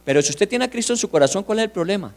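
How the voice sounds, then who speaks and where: A man preaching a sermon, firing rhetorical questions and swinging from hushed asides to loud declarations. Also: sits high, animated, racing. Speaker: pastor.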